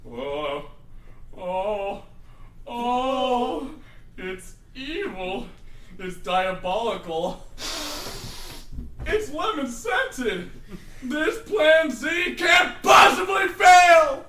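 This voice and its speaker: A man voicing a tiny, scheming male villain who rants, shouts and cackles, in an amateur fan reading recorded at home. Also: extremely high pitch, sing-song, very slow, pauses often, a little hiss or hum, voice pushed up, heavily acted. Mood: gleeful. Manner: ranting, gleeful, shouts and cackles. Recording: echoey room, mic at a distance.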